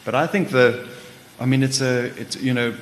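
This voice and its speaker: A man's voice: medium pitch, normal speed. A South African man speaking informally on a panel as a publisher, discursive and a little hesitant. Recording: echoey hall, far reverb, faint noise.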